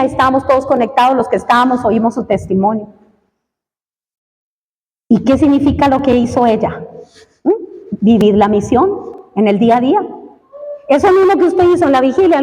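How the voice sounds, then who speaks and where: A woman's voice: on the high side, a little mellow, in a large hall, poor audio. A woman preacher delivering an emphatic sermon, repeating phrases and acting out stories.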